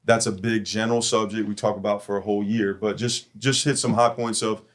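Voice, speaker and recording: A man's voice: on the low side, level tone, brisk. A middle-aged man hosting a church men's podcast, telling stories in an earnest, heartfelt way. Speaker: podcast host.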